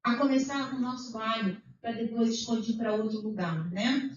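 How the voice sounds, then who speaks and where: A middle-aged woman testifies before her congregation, her voice sitting a little high and animated as she retells conversations. She sounds distant from the microphone, washed in heavy church-hall echo. The recording has a dull, muffled tone. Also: normal speed, a crowd in the background. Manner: emotional, retells dialogue, exclaims praise. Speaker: church member giving testimony.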